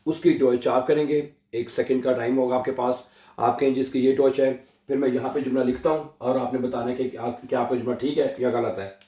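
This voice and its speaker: A man teaching German in a slow lesson, drawing out words and often checking with the learner. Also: mid-range voice, little pitch movement, dark tone, roomy sound. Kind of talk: slow spoken language lesson.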